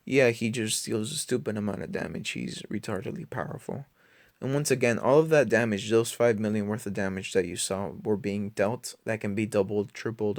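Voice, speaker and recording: A man's voice: fairly low pitch, no echo. Tired guy rambling about a game late at night, slangy, dead dry room. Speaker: mobile game video creator. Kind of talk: casual game commentary.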